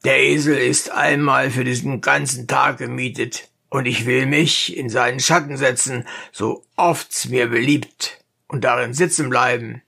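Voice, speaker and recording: A narrator playing a hot-tempered male dentist in a satirical audiobook, emphatic and blustering. The voice stays gravelly and husky, and the pace is unhurried. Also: mid-range voice, steady tone, pushed and bright, full character voice. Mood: indignant.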